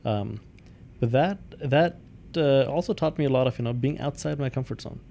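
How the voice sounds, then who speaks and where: A man's voice: medium pitch, moderate pace, vocal fry, mellow, slight background noise. A man from India, a company founder and CEO, answering interview questions in a thoughtful way, with many ums and restarts.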